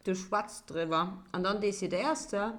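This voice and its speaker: A woman's voice: mid-range voice, measured pace, a bit bright. A young woman co-hosting a podcast in casual chat, mostly listening with short reactions and asides. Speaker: podcast co-host.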